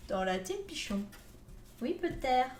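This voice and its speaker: Hosting a live draw for tournament pools, this woman speaks in a high, somewhat dark voice with big pitch swings and a slightly slow pace. Her casual stream commentary is playful, full of laughter and jokes aimed at viewers, recorded in an echoey room with faint noise.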